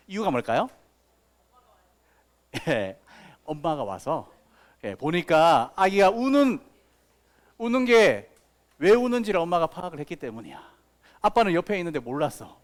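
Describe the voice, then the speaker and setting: A man giving a children's sermon as pastor, telling playful stories with sound effects and asking the kids questions. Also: high voice. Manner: talks directly to children with questions.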